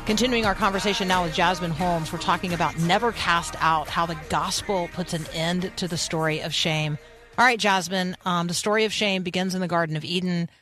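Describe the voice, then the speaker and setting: A woman's voice: on the low side, fairly even intonation, brisk, fairly bright tone, faint music behind. Earnest woman hosting a radio interview. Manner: earnest, conversational. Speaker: radio host.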